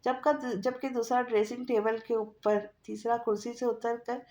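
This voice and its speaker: A woman narrating a romance novel aloud in a steady storytelling manner. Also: on the high side. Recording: echoey room.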